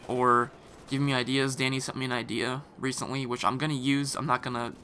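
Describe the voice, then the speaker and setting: Speaking a little fast with a flat delivery, the medium-pitched commentator sounds hoarse and irritated. His casual voice-over meanders with frequent fillers and false starts, laid over loud gunfire and explosions from the game.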